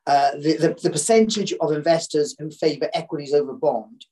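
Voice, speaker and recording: As a podcast guest, a man with a croaky, coughy throat offers conversational market commentary, often doubling back to repeat phrases. His voice is fairly high, mellow, and fairly quick.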